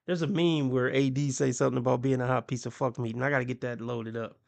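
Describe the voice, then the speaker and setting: Talking quickly with vocal fry, a male commentary channel host keeps a steady, medium-pitched, darkish voice while reacting with mockery, laughing often and doing voices for quotes.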